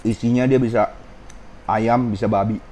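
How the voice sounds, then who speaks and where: A man's voice: on the low side, steady tone, moderate pace, dark tone, slight background noise. A man, reviewing food in a casual vlog in a ramen restaurant, chatting to viewers as he tastes, a bit of a sore throat. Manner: chatty, keeps saying guys, tastes as he talks. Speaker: food vlogger.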